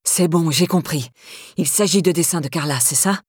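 A domineering, menacing man, as a woman reading a novel puts him on. The voice sits low and husky, and every line comes out brusque and threatening. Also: moderate pace, a little mellow, no room sound, studio quality. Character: imposing, menacing middle-aged man, domineering.

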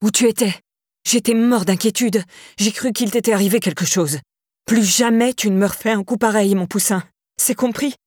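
An anxious, soft-hearted father in an audiobook, read by a woman. He pleads and frets in a whiny tone. The voice is husky and dry. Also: medium pitch, moderate pace, dry recording, close to an everyday voice. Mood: worried. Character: worried, soft-hearted father, middle-aged man.

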